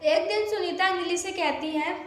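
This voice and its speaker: A woman's voice: extremely high pitch, moderate pace. A woman narrating a moral tale as a storybook reading, briefly voicing each character. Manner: reads plainly, briefly voices each character. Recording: very echoey room with music.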